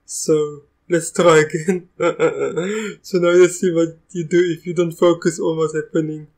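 Chatty South African-accented man, flat tone. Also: on the high side, a little slow, poor audio. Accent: South African, with a bit of Russian. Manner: chatty, easygoing, restarts sentences often. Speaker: tech tutorial host. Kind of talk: live screen-recorded software tutorial.

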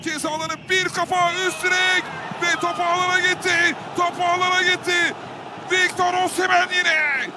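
A man's voice: extremely high pitch, level tone, normal speed. A man commentating live on football, screaming goal calls and repeating his phrases. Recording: noisy stadium broadcast with crowd behind.

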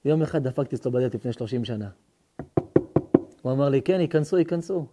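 A man, a rabbi, telling a story in a sermon, acting out the dialogue with sudden high, excited voices and shouts. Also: very noisy.

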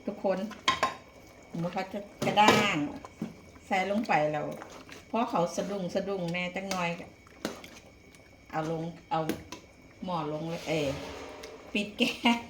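A middle-aged woman from Isan in northeastern Thailand demonstrates home cooking, chatting folksily to viewers in an Isan Thai accent and using polite particles throughout. Her voice is fairly low and a little slow, with long pauses. The room is echoey, with clear background noise and clattering pots.

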